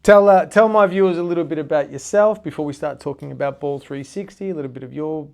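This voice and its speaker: A man's voice: a little high, fast, gravelly, a little mellow, clean tone. A man, hosting a podcast in a chatty, laid-back way. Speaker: podcast host. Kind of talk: casual interview chat.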